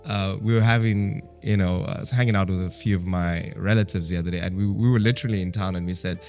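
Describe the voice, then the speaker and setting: Soft background music plays as a talk-show guest with an East African accent speaks quickly in a deep, steady, darkish voice. He's talkative and reflective in a casual conversational way, mixing some Swahili into his English.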